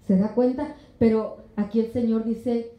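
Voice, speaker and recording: A woman preaching a sermon at a women's conference in a church hall, animated and often acting out the voices she quotes. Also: on the high side, a little slow, muffled recording. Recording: echoey room.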